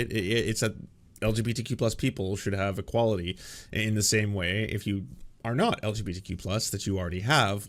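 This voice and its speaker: Emphatic man giving halting off-the-cuff commentary. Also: fairly low pitch, a bit bright. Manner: halting, repetitive, emphatic, often mockingly paraphrasing others. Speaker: political commentator.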